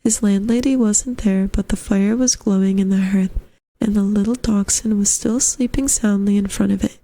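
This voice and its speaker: A woman's voice: mid-range voice, fairly even intonation, normal speed, warm tone. A woman reading a short story aloud as a storyteller, in scripted narration. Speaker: storyteller, streamer.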